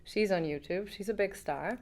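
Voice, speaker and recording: A woman who founded a pet supplement company is a guest in a casual interview chat, speaking earnestly with some non-native phrasing. Her voice is mid-range and darkish, at normal speed.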